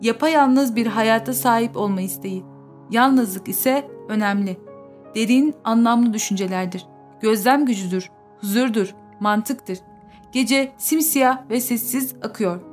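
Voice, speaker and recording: A woman reading a first-person audiobook in a measured, subdued way. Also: on the high side, soft background music. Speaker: audiobook narrator.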